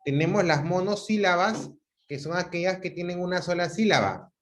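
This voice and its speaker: A man's voice: high voice, expressive, moderate pace. A man from Peru teaching a class over a video call, patiently repeating examples and checking that students follow. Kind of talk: online class lecture.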